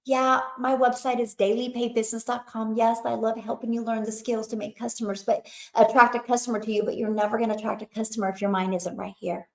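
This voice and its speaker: High-voiced gushing woman, echoey room. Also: level tone, fast talker, few pauses. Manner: gushing, chatty, emphatic with many fillers. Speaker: webinar host. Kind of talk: motivational webinar talk.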